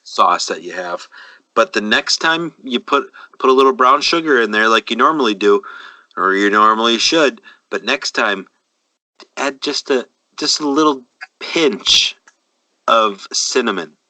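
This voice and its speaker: A man's voice: medium pitch, expressive, bright, forceful tone, no room sound, poor audio. A man, co-hosting a casual chat and confidently handing out cooking advice. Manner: confident, advice-giving, drawn-out emphasis. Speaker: podcast co-host.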